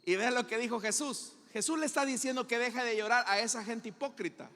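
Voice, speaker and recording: A man's voice: very high voice, fairly quick, pushed and bright, long reverb tail. A male pastor with a Salvadoran accent preaching a dramatic sermon in a church, full of rhetorical questions and acted-out scenes.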